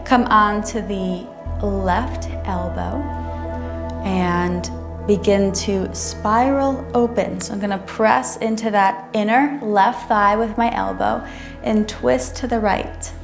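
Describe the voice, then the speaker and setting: A woman instructing a chair yoga class in a careful, unhurried way, gently guiding each movement. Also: medium pitch, fairly even intonation, vocal fry. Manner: careful, unhurried, measured delivery. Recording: roomy echo, music underneath. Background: music.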